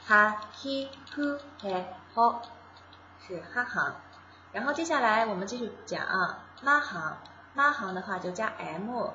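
Woman teacher, bright and clear, patient step-by-step explainer, echoey dull-sounding room. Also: mid-range voice, slight background noise. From China. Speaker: Japanese language teacher. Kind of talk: casual beginner lesson.

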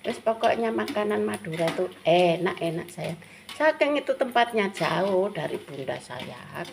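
A woman's voice: fairly low pitch, animated, a little slow, gravelly. An older woman with a Javanese accent, chatting affectionately to viewers in a home cooking vlog, constantly calling them dear. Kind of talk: casual chat while frying crackers. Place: home kitchen. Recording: home phone video with background noise.

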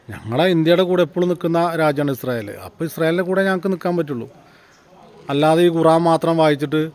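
A man's voice: on the high side, darkish tone. A man, giving a combative vlog monologue full of rhetorical questions and heated peaks. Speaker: vlogger. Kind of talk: angry political monologue to camera.

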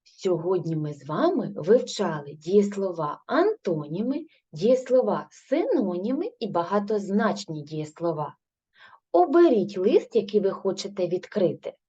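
A woman's voice: medium pitch, big pitch swings, a little slow, dark tone, breathy edge. A woman teacher with a Ukrainian accent giving a primary school language lesson, patiently asking questions and answering them herself. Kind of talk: recorded grade-three language lesson. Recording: dull lo-fi recording.

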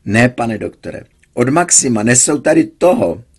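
A man's voice: medium pitch, expressive, natural voice. A man voicing a young female nurse who speaks politely and soothingly.

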